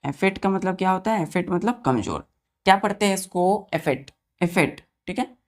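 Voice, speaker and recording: A woman teacher with a slightly low-pitched voice drills English vocabulary for exam students. She spells each word letter by letter, repeats its meaning several times and keeps asking the children whether it is clear. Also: animated, normal speed. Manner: asks the children questions and checks they follow.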